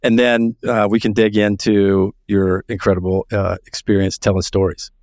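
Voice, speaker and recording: A man's voice: on the low side, flat delivery, normal speed, a little mellow, dry recording, clean studio sound. A man hosting a podcast, reading a scripted intro and then asking loose questions with plenty of fillers. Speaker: podcast host.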